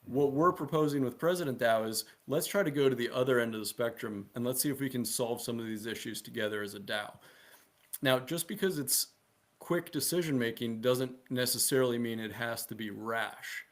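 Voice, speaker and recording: A man's voice: medium pitch, fairly quick. A man speaking as a guest in a casual live discussion, earnest and persuasive, often checking in with "right?". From United States. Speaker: guest promoting a political DAO.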